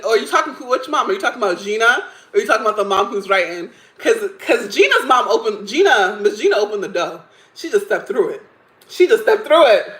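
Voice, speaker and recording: A woman's voice: a little high, fairly bright tone, roomy sound, rough recording. Chatty opinionated woman in her thirties. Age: 30s. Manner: chatty, opinionated, laughs often, many "like" fillers. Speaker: livestream host. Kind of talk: casual chat reacting to stories and chat comments.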